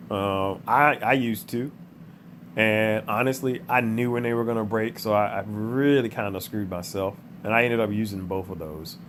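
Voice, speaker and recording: Low-voiced man narrating a how-to, under the weather. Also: fairly even intonation, normal speed, fairly bright tone, a little hiss or hum. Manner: plain-spoken, explanatory, addressing the viewer. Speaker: contractor giving an install tutorial. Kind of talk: casual how-to voice-over narration.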